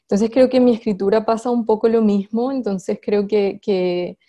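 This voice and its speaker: A woman answers reflectively in an interview as a poet, haltingly, often repeating words as she searches for the next one. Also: mid-range voice, steady tone, mellow. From Colombian Caribbean coast.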